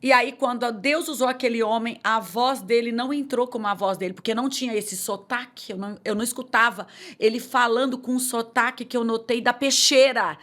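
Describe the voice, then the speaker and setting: Higher-voiced woman pastor giving testimony. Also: fairly quick, hardly any pauses, a bit bright. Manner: emotional storyteller who acts out quoted voices. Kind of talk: personal testimony in a conversation.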